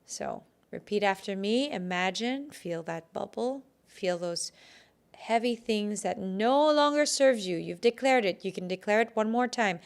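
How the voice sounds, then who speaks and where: A woman hosting a solo podcast, leading listeners through a guided visualization in a gentle, instructive way, repeating phrases with growing emphasis. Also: mid-range voice, expressive, a little slow, creaky, clean tone. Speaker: podcast host.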